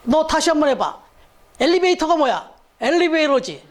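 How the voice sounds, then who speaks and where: A sharp, insistent young mother who nags her child over and over, put on by a man in a high voice. She repeats each demand and pushes hard. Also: big pitch swings, a little fast, exaggerated voice. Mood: coaxing. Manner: nagging, repeating herself.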